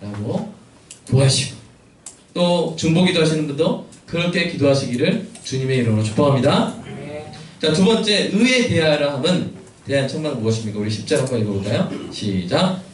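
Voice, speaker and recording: A man's voice: on the high side, expressive, a little fast, far from the mic, slight background noise. A man preaching a sermon as pastor, asking his congregation questions and answering them himself. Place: church sanctuary. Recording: echoey church hall, mic from afar.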